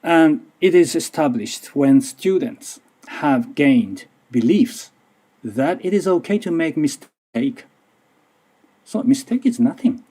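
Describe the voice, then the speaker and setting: This Japanese university lecturer, middle-aged, has a fairly high, expressive voice that is slow, warm and husky. Presenting at a conference in English as a second language, with a Japanese accent, he is careful, slightly nervous and often restarts his sentences.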